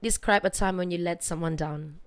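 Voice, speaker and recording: Female podcast guest, lowish sore-throat hoarseness, conversational, very dry sound. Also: normal speed, no echo. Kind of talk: casual interview chat.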